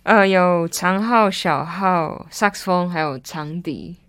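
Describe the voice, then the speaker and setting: A woman's voice: fairly low pitch, a little slow, fairly bright tone, clear, resonant tone, no room sound. A woman with a Taiwanese accent, a singer-songwriter chatting casually as an interview guest.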